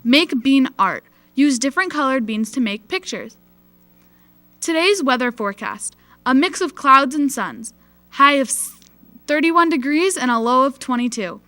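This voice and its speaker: A woman's voice: high-pitched, lively intonation, moderate pace, sharp tone, no echo, faint music behind. A young female student with an American accent, reading scripted school morning announcements as the anchor.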